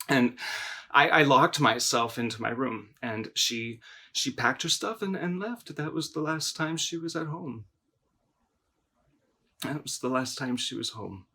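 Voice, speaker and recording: An actor playing a melodramatic, film-obsessed young man in a mockumentary confessional, talking in halting, stammering bursts and repeating his words. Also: on the high side, bright, forceful tone, exaggerated voice. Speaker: interview subject in a mockumentary.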